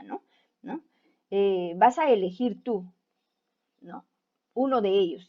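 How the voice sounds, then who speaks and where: A woman teacher with a slightly high voice talks students through a writing assignment in a patient, step-by-step way. She keeps checking in with a quick "¿no?" after almost every phrase. The recording sounds dull and lo-fi. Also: darkish tone. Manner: keeps asking "¿no?" to check understanding. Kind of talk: online class explanation.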